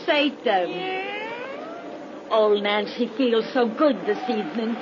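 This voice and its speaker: A woman's voice: fairly high pitch, lo-fi sound. An actress playing a gleefully macabre old American witch who tells horror tales in folksy rustic dialect, in 1930s radio style. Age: older. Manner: folksy rustic dialect, cackling, relishing the gruesome. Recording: noisy, band-limited 1930s radio recording.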